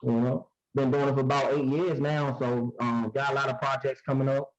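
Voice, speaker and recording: A man's voice: medium pitch, flat delivery. Easygoing male comedian on a call; muffled, underwater-sounding phone mic, dull lo-fi sound. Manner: laid-back, joking, drawn-out talk. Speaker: comedian and coach. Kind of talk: casual podcast chat over a call. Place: newly moved-into room at home.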